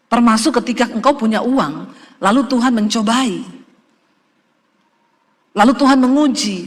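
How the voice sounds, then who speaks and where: Woman, middle-aged, pastor, emphatic conversational sermon, long hall reverb. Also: on the high side. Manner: emphatic, conversational preaching that addresses the congregation directly.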